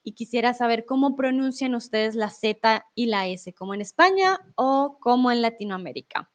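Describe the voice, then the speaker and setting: A woman's voice: on the high side, expressive, normal speed. A woman from Colombia with a Colombian accent, giving a casual live Spanish lesson and chatting with viewers. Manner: chatty, explains with examples and asks "¿vale?". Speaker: Spanish teacher on a livestream.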